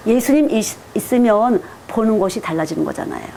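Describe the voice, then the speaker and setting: A woman's voice: a little high, lively intonation, brisk, warm tone, a little hiss or hum. A woman who is a children's missionary, giving a teacher-training lecture in an earnest, direct, conversational preaching manner.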